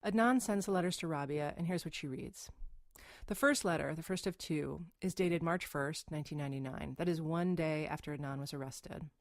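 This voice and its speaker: Female journalist narrator, low register, measured and wry, scripted podcast read. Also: no echo, clean studio sound.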